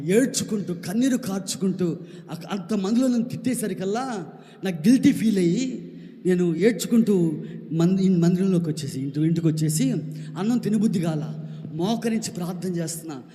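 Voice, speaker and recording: A man's voice: high-pitched, big-room sound. A man preaching a sermon as a pastor, telling a personal testimony and calling out questions to the congregation. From Andhra Pradesh, India. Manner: builds to shouted preaching.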